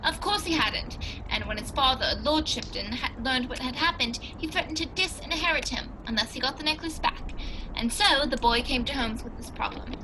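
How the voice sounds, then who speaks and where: A woman's voice: high voice, normal speed, noisy background, close to an everyday voice. A woman playing a genial old English doctor who tells a mystery tale in an earnest, old-fashioned 1940s radio style. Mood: grave storytelling.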